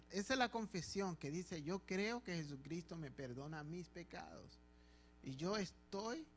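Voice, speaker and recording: A man with a Dominican Spanish accent, a pastor preaching a sermon in church with emphatic, repeated phrases. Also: high-pitched. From Dominican Republic.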